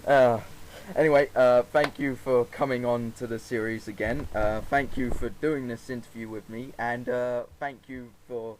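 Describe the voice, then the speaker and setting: A man's voice: medium pitch, steady tone, a little hiss or hum, low-quality recording. A man hosting a podcast interview, asking questions casually and joking with his guest. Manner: unhurried, jokey, laughs often. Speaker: podcast host.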